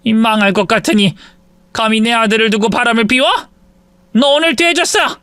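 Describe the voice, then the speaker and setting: A man voicing a furious older mother-in-law in a story reading, scolding in a shrill, raised voice. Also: normal speed, bright, forceful tone, smooth, no echo.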